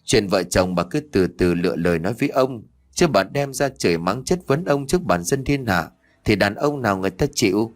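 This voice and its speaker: A man's voice: fairly low pitch, animated, brisk, natural voice. A man voicing a nosy older female neighbor who gives coaxing advice in an audio story. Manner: coaxing, advising.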